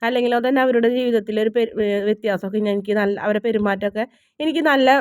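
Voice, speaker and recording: Woman reading a remorseful young man, tearful and apologetic, fast and dry. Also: fairly high pitch, no room sound, natural voice. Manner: halting, apologetic pleading.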